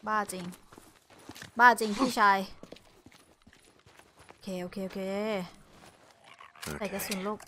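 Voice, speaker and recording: A woman giving casual game commentary, excitable and swearing as she mutters along at the game. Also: mid-range voice, takes it slowly, long pauses, noisy background. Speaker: gamer playing a let's-play.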